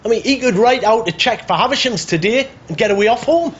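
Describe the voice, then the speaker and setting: An earnest, uneasy builder. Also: male voice, very high voice, lively intonation, quick pace, dull audio. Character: decent, worried working-class builder.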